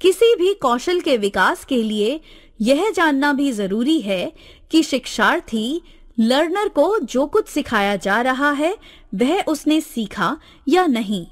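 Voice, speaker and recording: A woman reading a grammar textbook lesson aloud in a slow, deliberate, textbook manner. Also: high-pitched, very animated. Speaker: teacher.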